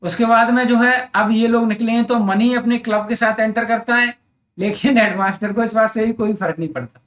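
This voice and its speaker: A man's voice: extremely high pitch, fairly even intonation, a bit bright. Man explaining a chapter summary to students. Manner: reads English summary lines slowly, then explains them in Hindi; frequent tag questions to the listener. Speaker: English literature teacher for exam prep. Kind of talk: explaining a novel chapter summary, lecture-style.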